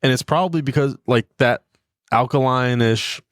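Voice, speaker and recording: Mid-pitched, thoughtful podcast man. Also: normal speed, no echo, clean studio sound. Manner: thoughtful, a little hesitant. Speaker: podcast panelist. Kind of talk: casual chat.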